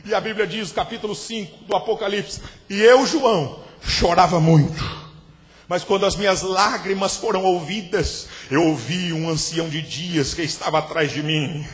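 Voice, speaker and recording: High-voiced Brazilian preacher, echoing church. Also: male voice, moderate pace. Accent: Brazilian Portuguese. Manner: preaching with big swings from hushed to shouting. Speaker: pastor. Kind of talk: sermon. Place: large church hall.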